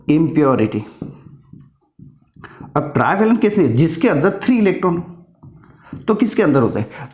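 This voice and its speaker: A middle-aged man teaching a physics lesson, explaining step by step and mixing in English terms. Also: fairly high pitch. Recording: echoey room.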